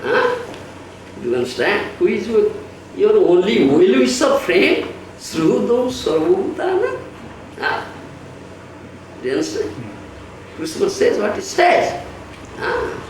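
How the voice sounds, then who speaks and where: A man giving a sermon as a spiritual teacher, animated, keeps asking "huh?" and acting out quotes. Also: high-pitched, slow, pauses often, distant mic. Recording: echoey room, voice from afar, faint hiss.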